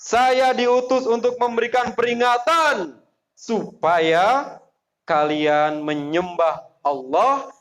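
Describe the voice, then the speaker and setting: A man's voice: extremely high pitch, slow, fairly bright tone, pitched above the performer's own voice, full character voice. A man voicing an earnest male prophet who speaks to his people and pleads in prayer, on a dull lo-fi recording.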